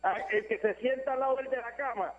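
A Puerto Rican man phones in to a radio show and rants insistently. His voice is very high for a man. The line is thin and tinny, like a telephone. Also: fast. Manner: ranting, insistent. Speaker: radio caller. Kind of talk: phone-in opinion.

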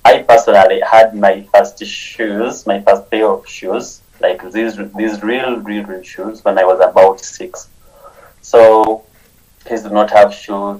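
A young man in his twenties talks as a guest on a podcast. His voice sits low, and his delivery is sincere and halting, with frequent repeated words as he finds his way. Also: a little mellow, low-quality recording. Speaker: nonprofit founder, interview guest. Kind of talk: conversational interview.

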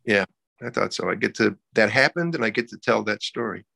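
A man's voice: lowish voice, a little fast, creaky, bright, forceful tone. A man, an actor guest, telling stories in casual chat, repeating words as he searches for them.

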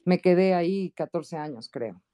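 A woman with a Mexican accent, a guest and columnist, telling anecdotes in a casual podcast chat, lively and often jumping into high quoted voices. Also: normal speed.

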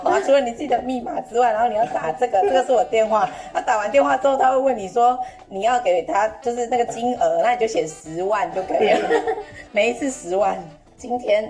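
A young woman with a Taiwanese Mandarin accent telling a story on a podcast, animated and laughing, acting out an old customer's lines in Taiwanese. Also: mid-range voice. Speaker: podcast host. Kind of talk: casual chat, storytelling.

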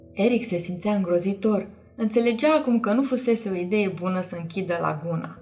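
A woman reading a children's storybook aloud in an expressive, measured way. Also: medium pitch. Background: faint music.

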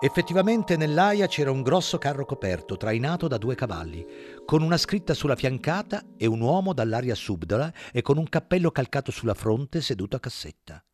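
A man narrating an audiobook in a dramatic, measured way. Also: mid-range voice, very animated, a little mellow, faint music behind. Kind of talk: scripted narration.

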